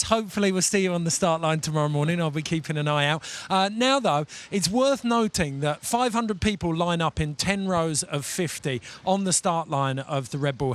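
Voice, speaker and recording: A man hosting a live sports talk show in brisk, upbeat presenter patter. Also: on the high side. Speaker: host.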